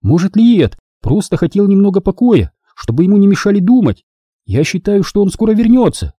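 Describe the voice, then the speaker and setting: A man's voice: sits high, sing-song, a little fast, warm tone, slightly rough, dry recording, voice pushed up, exaggerated voice. A man reading the part of a wry teenage girl in an audiobook, speaking sourly and dryly. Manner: sour, dry.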